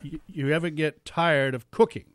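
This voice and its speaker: A man who grew up in Europe hosts a radio morning show, joking and asking quick questions. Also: on the high side, fairly even intonation, a bit bright, dry recording. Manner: jokey, brisk interviewer. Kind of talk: casual radio hosting. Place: radio studio.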